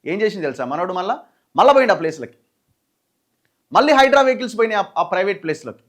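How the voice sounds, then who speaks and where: A journalist with a high, light voice and a Telangana Telugu accent recounts a court story. He retells it animatedly, restarting his sentences often and acting out the quoted lines. He speaks casually, in the manner of a commentator. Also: sing-song, racing. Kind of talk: political news commentary.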